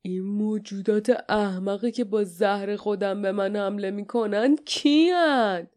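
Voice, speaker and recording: A woman voicing a giant, boastful, cruel male toad monster in an audiobook, talking slowly with a menacing growl. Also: darkish tone, lightly acted. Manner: slow, booming, menacing growl.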